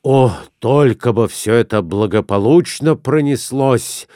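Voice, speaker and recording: A man voicing a jittery middle-aged husband, fretful and hurried, pleading to get away fast. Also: mid-range voice, dark tone, no room sound, clean studio sound, natural voice.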